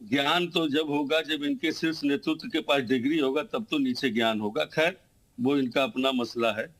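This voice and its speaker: A man's voice: medium pitch, normal speed, fairly bright tone, rough recording. A man arguing heatedly as a panelist in a TV news debate, talking over the others. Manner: combative, talks over others.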